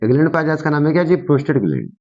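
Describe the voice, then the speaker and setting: A science teacher, a man, explains a diagram and says each key term twice. He keeps asking the listener what each part is called, in a high voice. The recording sounds muffled and lo-fi. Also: big pitch swings, very fast, darkish tone. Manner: repeats key terms and quizzes the viewer with "what is it called?". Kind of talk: explaining a diagram in a class lesson.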